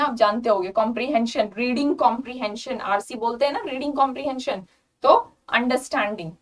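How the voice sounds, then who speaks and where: A young woman with an Indian accent teaching English vocabulary in an online exam-prep lesson, repeating words slowly and asking whether it is clear. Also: high voice, distant mic, rough recording. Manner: mixes English words and sentences into Hindi explanation.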